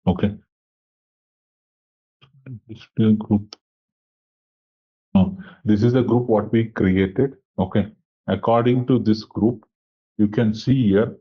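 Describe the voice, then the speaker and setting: A software trainer walks through a live demo step by step, thinking aloud and asking himself questions. His voice is lowish with a breathy edge, and the highs in the recording are cut off.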